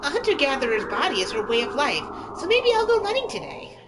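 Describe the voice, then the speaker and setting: High, lively woman reading game text. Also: fast, heavy background noise. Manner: animated, playful, giggly narration. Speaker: streamer playing a visual novel. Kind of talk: reading game text aloud, casual stream chat.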